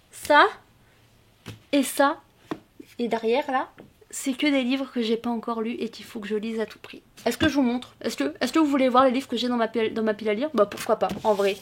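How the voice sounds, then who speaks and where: A woman from France chatting casually in a book haul vlog, gushing with frequent exclamations and restarts. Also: high-pitched. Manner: gushing, exclaims often, many fillers and restarts. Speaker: booktuber vlogging a book haul. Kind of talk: casual chat.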